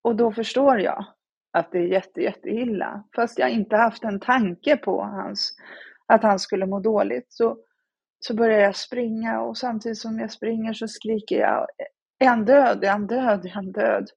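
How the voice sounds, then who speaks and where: A middle-aged woman, a bereaved mother, recounting a personal story on a podcast in halting speech full of fillers and restarts. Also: on the high side, steady tone, creaky, a little mellow, breathy edge, dry recording, highs cut off.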